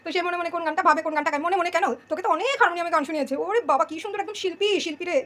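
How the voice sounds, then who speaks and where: A woman vlogger vents about her family in a sarcastic monologue, breaking into sung lines now and then. Her voice is very high and sharp, and she talks rapid-fire, mocking and taunting as she addresses the listener directly.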